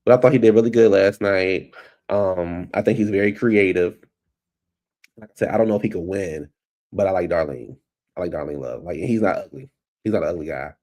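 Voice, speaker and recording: A man sits at his computer at home and rambles casually through a solo vlog chat, stuffed-up and with his voice fading, calling the audience "baby." His voice sits low, with a darkish tone and a brisk delivery.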